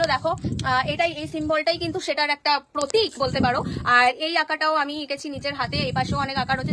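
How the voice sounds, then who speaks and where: A young woman talks fast and freely on a live stream from her home, answering viewers' comments as she goes. Her voice sits high. The recording is noisy, with vehicles passing outside. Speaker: content creator on a live stream. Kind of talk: casual live-stream chat. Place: at home, in front of a painted wall.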